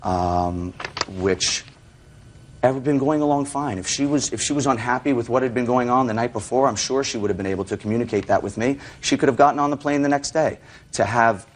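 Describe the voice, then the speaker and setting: A man's voice: medium pitch, brisk. A man testifying as a litigant in a TV courtroom, indignant and self-justifying, with stiffly formal wording and hesitations.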